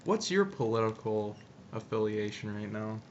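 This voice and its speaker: A man's voice: on the low side, expressive, normal speed. A young man chats casually in slang and swearing, with chewing tobacco in his lip. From upstate New York, United States. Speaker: video co-host. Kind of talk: casual chat and anecdotes. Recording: muffled, noisy amateur video audio.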